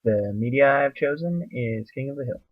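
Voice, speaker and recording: A man's voice: mid-range voice, animated, fairly quick, narrow, tinny audio. A young man presenting a class video essay, reading aloud plainly with small slips and fillers. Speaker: student presenter.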